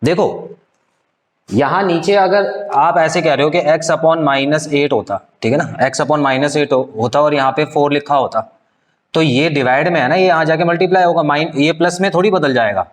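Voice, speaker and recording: A man's voice: a little high, moderate pace. A man teaching a live online math class, explaining step by step and often checking if students follow.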